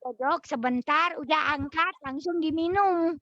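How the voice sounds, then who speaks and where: A woman's voice: high-pitched, unhurried, sharp tone, highs cut off. A woman on a group video call eagerly sharing home-remedy advice in casual chat. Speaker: fellowship participant.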